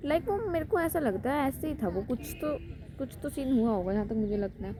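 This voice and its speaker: A woman's voice: sits high, expressive, fairly quick, crowd noise, rough recording. A young woman in her twenties vlogging in a rambling, conversational way. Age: 20s. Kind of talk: casual chatty vlog.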